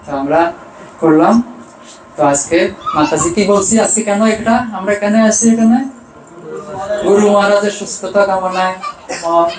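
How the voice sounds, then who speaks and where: A man giving a devotional sermon. He keeps asking questions and answering them himself, rising for emphasis and trailing off low. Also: reverberant, poor audio. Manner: rises in pitch and volume for emphasis, trails off low. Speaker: preacher. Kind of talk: devotional sermon with chanted verses.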